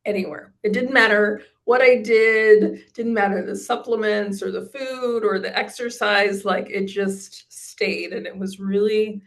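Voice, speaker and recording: A woman's voice: medium pitch, fairly even intonation, unhurried, hardly any pauses. A woman in her forties giving a testimonial in a casual interview, rambling with many fillers and restarts. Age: 40s. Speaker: program client giving a testimonial.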